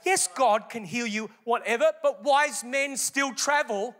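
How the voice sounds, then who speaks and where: A man preaching a sermon in a high, bright voice. He is emphatic and builds rhythm by repeating his phrases. The tone is forceful throughout. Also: a little slow. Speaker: pastor.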